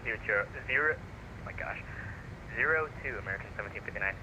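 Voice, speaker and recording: A man's voice: fairly low pitch, quick pace. A man making hesitant pilot radio calls to air traffic control, full of fillers and corrections, over a choppy radio transmission that breaks up. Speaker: pilot in an online flight simulation. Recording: dull lo-fi radio with static noise.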